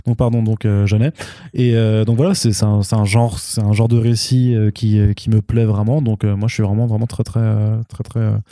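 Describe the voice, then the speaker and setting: Podcast co-host, male, very dark tone, dry sound, halting enthusiastic film chat. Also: lowish voice, little pitch movement, dry recording. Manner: hesitant, many fillers and restarts. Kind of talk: casual film news chat.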